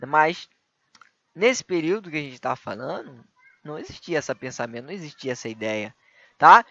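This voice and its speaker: A man with a Brazilian Portuguese accent gives a recorded history lesson, posing rhetorical questions and checking in with short tags. His voice sits fairly high. The recording is dry and a little muffled. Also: very animated, normal speed, pushed and bright, dry recording. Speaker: history teacher. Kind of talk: recorded lesson for exam prep.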